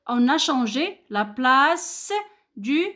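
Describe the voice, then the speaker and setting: A woman's voice: high voice, expressive, bright, forceful tone. A woman with a Moroccan French accent teaching a grammar lesson to young pupils, patient and repetitive, lifting her voice on example questions. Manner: slow, patient, repeats key words, rising question intonation. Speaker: primary school teacher.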